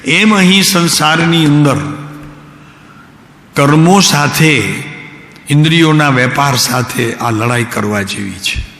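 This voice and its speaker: A man, a spiritual teacher, giving a devotional discourse in a calm, unhurried way and asking his listeners direct questions. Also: a little high. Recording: echoey hall, faint background noise.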